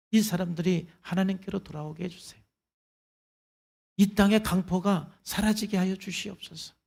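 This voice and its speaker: Gravelly-voiced man preaching a sermon. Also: on the high side, a little mellow. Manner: earnest, explanatory, conversational preaching. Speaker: pastor. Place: church service.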